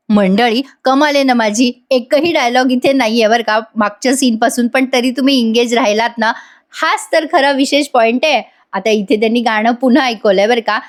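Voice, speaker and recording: A woman giving a chatty voice-over review of a TV serial episode, gushing and addressing viewers directly. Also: fairly high pitch.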